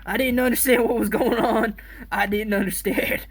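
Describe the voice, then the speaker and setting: A man telling a rambling personal anecdote in a casual, excitable way, swearing freely as he goes. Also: high voice, moderate pace, husky. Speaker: storyteller.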